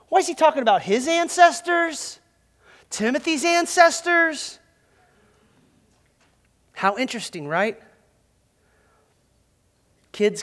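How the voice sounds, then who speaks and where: A young man preaching a lively sermon as pastor, leading his congregation in call-and-response. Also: very high-pitched, in a large hall. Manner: storytelling with boxing imagery.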